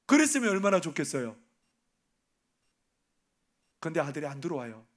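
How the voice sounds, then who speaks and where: A man preaching a sermon on a parable, asking the congregation questions and acting out the characters' lines, dropping at times to a hushed near-whisper. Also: a little high, sing-song, normal speed. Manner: asks the congregation questions and acts out the parable's voices; swings from loud emphasis to hushed, near-whispered asides.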